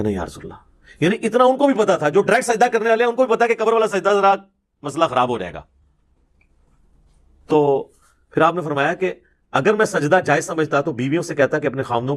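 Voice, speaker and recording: In an informal religious lecture, a man with a slightly high voice and a Pakistani Punjabi accent argues his points emphatically and rhetorically.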